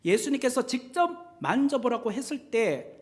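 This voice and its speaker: Man, pastor, church sermon, high voice, very animated pitch, conversational, dramatic quoted lines. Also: normal speed. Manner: acts out quoted lines, swinging from hushed to loud; gentle conversational preaching with rhetorical questions. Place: church sanctuary.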